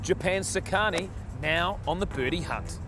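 A man delivering scripted commentary as a golf commentator for a highlights film. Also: moderate pace. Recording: loud music under narration.

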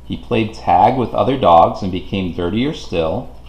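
A man reading a children's storybook aloud in an expressive, deliberate way for young listeners. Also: lowish voice, vocal fry. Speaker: children's book reader. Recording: roomy, echoing home recording.

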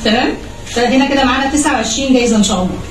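A woman's voice: on the high side, racing. A woman with an Egyptian Arabic accent co-presents a live giveaway announcement, explaining directly to viewers. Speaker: co-presenter of a prize draw. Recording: echoey room, distant mic, faint music. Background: faint music.

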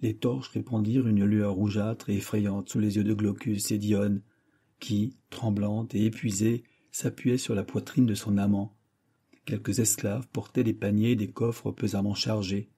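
Dark, husky male audiobook narrator. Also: fairly low pitch, level tone. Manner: measured, dramatic. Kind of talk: scripted narration.

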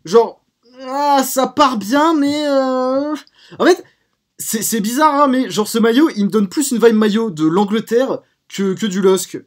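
A man's voice: very high voice, a little slow. A man hosting a live stream, chatting casually and drifting into digressions. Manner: rambling, prone to digressions. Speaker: streamer host.

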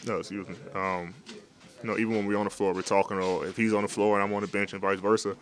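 A man's voice: lowish voice, level tone, fast. A young man, a basketball player, answering reporters' questions in a locker room after a game, laid-back and full of fillers. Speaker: basketball player at postgame interview. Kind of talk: postgame press interview. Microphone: several handheld reporter mics.

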